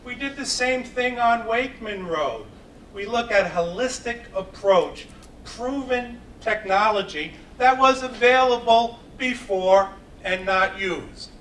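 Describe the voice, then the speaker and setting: A man's voice: extremely high pitch, slow pace, fairly bright tone. A man from New York giving an earnest, plainspoken campaign statement at a town debate. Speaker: town candidate. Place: public meeting hall. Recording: echoey room from a distant mic, faint noise.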